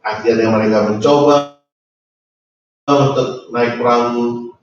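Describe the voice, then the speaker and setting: A man's voice: medium pitch, steady tone, takes it slowly, a little hiss or hum. A man preaching a sermon in a church hall, repetitive and emphatic, with frequent call-outs to the congregation. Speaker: pastor. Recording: echoey church hall, distant mic, dull.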